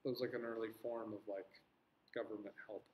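A man's voice: lowish voice, brisk, slight background noise. Man reading a novel aloud in an echoey room. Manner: steady reading, casual asides.

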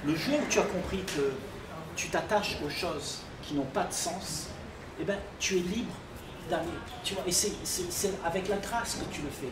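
An older man speaking at a public dialogue in a library, calm and teaching, often checking he is understood. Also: sits high, moderate pace. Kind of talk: spiritual dialogue with audience. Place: library reading area, indoors. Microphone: far room microphone. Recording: echoey room, distant mic, noisy.

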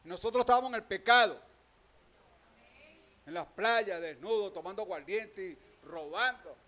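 A man with a Venezuelan accent preaching a sermon, calling out questions to the congregation and swinging between loud proclaiming and quiet talk. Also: high-pitched, moderate pace. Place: church hall.

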